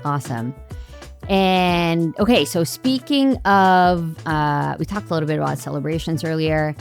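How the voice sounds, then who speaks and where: A woman hosting a podcast interview from her home studio, relaxed and asking playful quick-fire questions. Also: low-pitched, soft background music. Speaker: podcast host. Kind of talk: casual interview chat.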